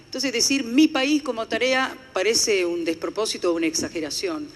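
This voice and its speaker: In an echoey conference hall, an older woman from Italy gives an earnest, formal lecture as a conference speaker. She speaks at a moderate pace with medium pitch, and there is slight background noise.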